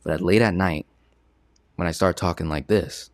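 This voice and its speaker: A man with a low-pitched voice gives a casual online presentation as a personal finance coach. He talks conversationally at a moderate pace and keeps checking in with "right?". The recording is dry with clean studio sound.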